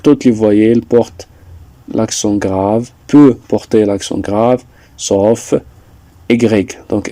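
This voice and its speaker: A man teaching a French lesson, explaining slowly and deliberately, repeating points with some hesitations. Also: medium pitch, dark tone, no echo. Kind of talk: slow classroom explanation.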